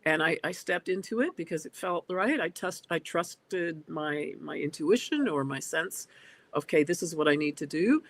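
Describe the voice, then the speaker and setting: A woman's voice: sits low, animated, normal speed. A woman in her sixties, a guest speaking over a video call, talking thoughtfully with frequent hesitant fillers. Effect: heard over a video call. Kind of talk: reflective interview talk. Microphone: computer on a video call.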